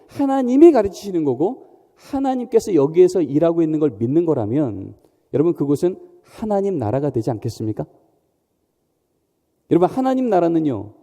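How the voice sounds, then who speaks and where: A man's voice: on the high side, mellow. A man preaching a sermon in a church, emphatic and often questioning the congregation. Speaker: pastor. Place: large church hall. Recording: long church hall reverb.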